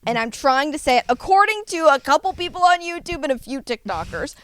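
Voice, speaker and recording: A high-voiced woman co-host in a bubbly comedic podcast chat. Her voice bounces around a lot as she giggles. The recording is dry and close-miked. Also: very animated, fairly quick, a bit bright, no room sound.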